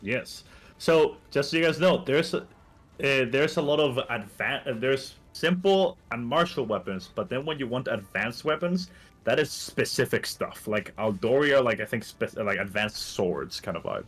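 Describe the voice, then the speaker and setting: A man's voice: mid-range voice, lively intonation, normal speed. A man recapping and running a tabletop game as game master, explaining the rules patiently.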